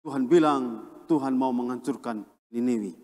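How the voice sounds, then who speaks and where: A man's voice: mid-range voice, normal speed, darkish tone. Indonesian man preaching in a church hall. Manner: preaching with emphatic swings between raised and dropped voice. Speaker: pastor. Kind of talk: sermon.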